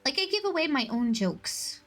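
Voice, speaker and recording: A woman's voice: sits high, big pitch swings, moderate pace. A woman streamer chatting casually with her chat while playing a game, rambling and self-mocking, often laughing at her own jokes. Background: soft background music.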